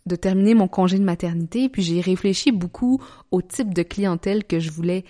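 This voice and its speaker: A young adult woman with a Quebec French accent hosts a casual solo podcast, speaking softly and gently, as if keeping quiet at night at home. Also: lowish voice, a little fast. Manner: soft, hushed, gentle delivery so as not to wake a sleeping child. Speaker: podcast host. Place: living room at home at night.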